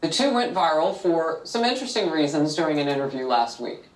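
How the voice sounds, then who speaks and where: A news anchor introducing cable news stories in a measured, pointed delivery. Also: male voice, a little high, sing-song, roomy sound, distant mic, rough recording.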